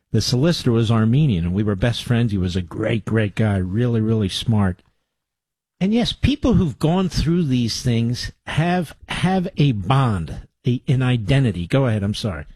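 A man's voice: lowish voice, darkish tone, husky, no echo. Radio host guy, blunt and punchy, dry close studio mic, taking calls. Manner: blunt, emphatic, takes calls briskly. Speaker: radio talk show host. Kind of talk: call-in radio talk. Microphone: studio microphone.

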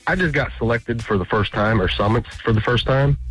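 A man caller leaving a relaxed, rambling voicemail message over a phone line. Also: mid-range voice, brisk, breathy edge, soft background music. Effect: voicemail message played over a phone line.

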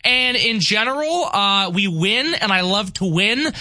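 A man's voice: sits high, expressive, unhurried, pushed and bright, no room sound. A young man from Long Island, an enthusiastic and talkative radio guest host in casual banter. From New York, Long Island. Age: young adult.

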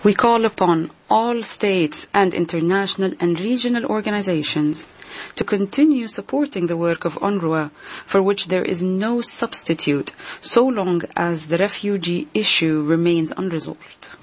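A woman giving a translation voice-over as an interpreter, rendering a formal speech in a measured, deliberate way. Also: on the low side, husky, muffled recording. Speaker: simultaneous interpreter.

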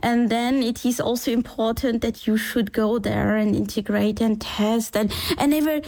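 A woman in her forties, born in Sri Lanka, talking through her life story in a relaxed interview, acting out past conversations and laughing easily. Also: a little high, normal speed, gravelly. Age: 40s. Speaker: engineer and startup founder.

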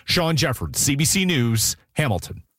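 A man filing a scripted radio news report in a crisp, authoritative way. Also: medium pitch, sing-song, moderate pace, a bit bright, no room sound, studio quality.

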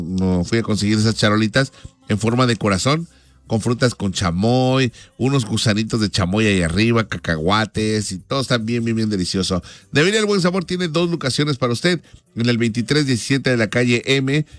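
A man's voice: medium pitch, no echo. A man hosting a radio show, joking with callers and reading sponsor ads in a casual, slangy way. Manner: joking, chatty, slangy Mexican Spanish. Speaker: radio host. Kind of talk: casual radio chat and live ad reads.

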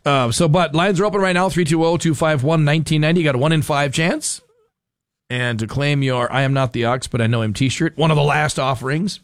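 A man's voice: a little high, brisk, no room sound. A man talking as a talk radio host in a studio, bantering with callers and his producer. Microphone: studio microphone.

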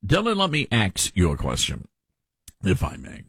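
A male talk radio host with a mild Southern American accent and a husky voice. His delivery is folksy and animated, with pitch that moves around a lot. The sound is dry and close, like a studio. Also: normal speed, no room sound. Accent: mellowed Southern American. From Southern US, Tennessee. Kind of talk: conversational talk radio commentary.

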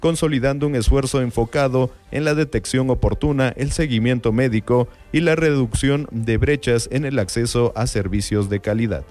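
A male radio host with a Mexican Spanish accent reads the news and welcomes guests in a formal, measured announcer manner. His voice sits in the middle range for a man. A faint music bed plays under him. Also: medium pitch, a little mellow. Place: radio studio.

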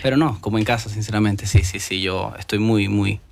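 A young man from Venezuela with a Venezuelan Spanish accent, a musician talking earnestly as a guest in a casual interview, filling pauses with "este" and repeating words. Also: fairly low pitch, gravelly. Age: young adult.

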